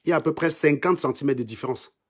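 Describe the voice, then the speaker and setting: On a livestream, a man with a Cameroonian French accent rants in a high-leaning voice at a quick pace. Mocking and combative, he insults his audience and repeats lines for emphasis.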